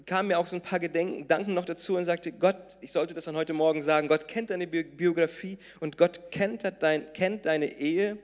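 A man from southern Brazil, preaching a sermon, swinging between loud emphatic peaks and soft intimate lines. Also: on the high side, steady tone, normal speed, hardly any pauses. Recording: long reverb of a large hall.

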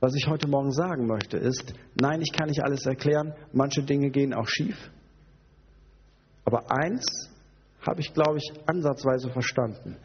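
A man's voice: medium pitch, moderate pace, long reverb tail, dull audio, slight background noise. A man preaching a sermon, conversational and sometimes sarcastically joking, reflective in tone. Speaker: pastor.

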